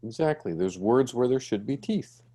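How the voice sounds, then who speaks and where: A man's voice: medium pitch, animated, normal speed, dark tone. A man teaching an online design class over a video call, chatty and checking in with "right?". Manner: conversational, often checks with "right?".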